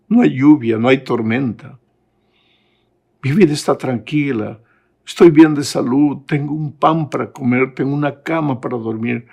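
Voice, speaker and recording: Guy preaching a bible lesson, gravelly voice, gets really fired up and pleading. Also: a little high, darkish tone. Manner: impassioned preaching, rising to emphatic peaks. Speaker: pastor. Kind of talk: sermon-style Bible lesson. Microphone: close mic, recorded for a lesson.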